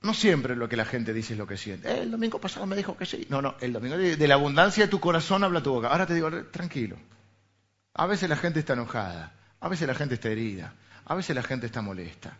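Rioplatense pastor preaching conversationally. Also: male voice, medium pitch, lively intonation, quick pace, fairly bright tone. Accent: Rioplatense Spanish. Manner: conversational preaching with rhetorical questions. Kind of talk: sermon. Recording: dull lo-fi recording.

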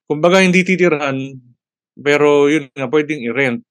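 A man chatting casually as a podcast co-host, halting often to search for words and mixing in English phrases. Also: a little high, dry recording, studio quality. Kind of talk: casual chat.

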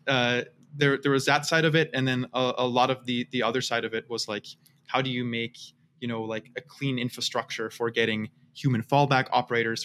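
A man in his thirties is a guest on a casual podcast. He rambles and restarts often, padding his sentences with fillers, at an ordinary middle pitch. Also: fairly bright tone, slight background noise. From Austria, raised in the US. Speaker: guest, startup founder.

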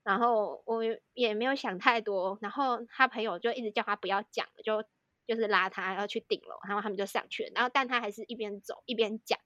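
A woman's voice: mid-range voice, fairly even intonation, a little fast, pushed and bright, no echo, muffled recording. A young woman from Taiwan with a Taiwanese Mandarin accent, co-hosting a podcast and telling a story in casual chat, full of fillers as she strings sentences together. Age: young adult. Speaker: podcast co-host, student in Korea.

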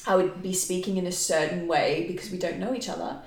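A woman's voice: fairly low pitch, fast. Casual female podcast guest, broad Queensland Australian, informal and slangy, roomy echo. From France and Australia. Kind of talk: casual chat. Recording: roomy, echoing sound.

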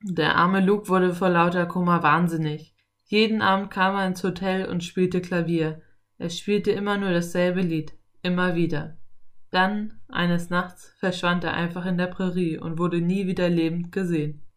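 A woman's voice: fairly low pitch, steady tone, normal speed, close to an everyday voice. A woman voicing a friendly adult male cowboy, telling a campfire ghost story in an easygoing way. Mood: storytelling. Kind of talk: audiobook character reading.

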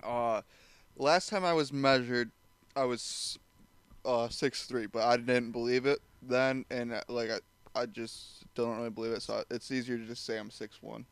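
A man's voice: medium pitch, steady tone, normal speed, clean tone, no echo. A man co-hosting a casual podcast chat, hesitant and trailing off as he talks. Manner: hesitant, trails off, laughs often. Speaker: podcast co-host.

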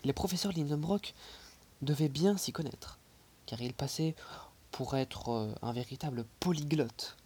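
A man reading a classic novel aloud, expressive, dropping into soft whispered passages and adding small asides. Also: a little high, unhurried, slight background noise. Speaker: audiobook reader.

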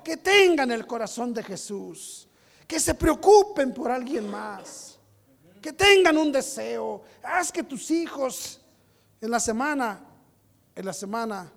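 A male pastor preaching a sermon, moving from soft storytelling to loud exhortation. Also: on the high side, in a large hall.

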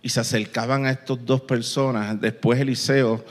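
A man preaching a sermon, telling a story with lively sound effects and quoted voices. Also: medium pitch, normal speed. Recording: long reverb in a large hall.

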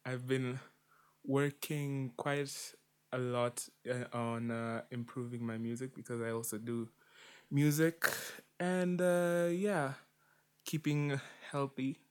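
A man in his twenties with a Kenyan accent, introducing himself casually and hesitantly with many pauses. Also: mid-range voice, level tone, darkish tone, clean tone. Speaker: podcast sound director.

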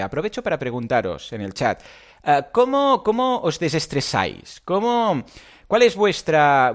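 A man hosting a live podcast chat, with a very lively pitch that swoops up and down. He talks in an animated way and breaks into loud, playful outbursts. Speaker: podcast host.

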